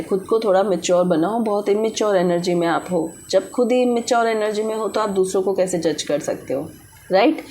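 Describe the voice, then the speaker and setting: A woman's voice: medium pitch, slight background noise. A woman reading tarot for viewers, giving direct advice and mixing English words into Hindi. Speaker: tarot reader.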